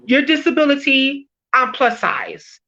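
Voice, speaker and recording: Woman artist on a video call, high bright voice, blunt, cusses a lot, dull lo-fi sound. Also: lively intonation, a little slow. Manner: blunt, swears freely, repeats words as she restarts. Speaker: interviewed music artist. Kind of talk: candid, emphatic interview talk.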